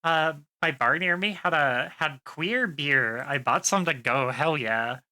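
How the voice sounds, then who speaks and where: A woman's voice: deep voice, unhurried, pushed and bright. A woman streamer chatting casually to her viewers, rambling with plenty of fillers and swearing freely. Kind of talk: casual live-stream chat.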